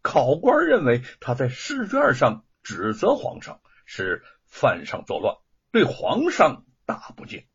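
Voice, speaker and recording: A man narrating a novel as an expressive storyteller. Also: slow, gravelly, slightly rough. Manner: expressive storytelling with swooping pitch. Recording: dull lo-fi recording.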